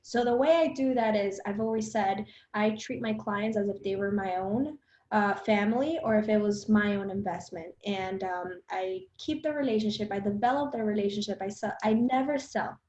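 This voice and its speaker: A young woman from Colombia speaks as a podcast guest, earnest and quick, her phrases strung together with fillers. The sound is roomy and somewhat dull, as if recorded in a bare room on a modest mic. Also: mid-range voice, a little mellow. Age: 20s. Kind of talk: casual interview chat.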